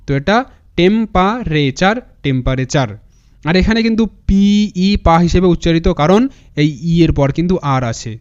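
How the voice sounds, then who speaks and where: A man teaching English pronunciation with a Bengali accent, spelling words out letter by letter and repeating them slowly. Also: a little high, a little mellow, muffled recording. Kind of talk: spoken lesson.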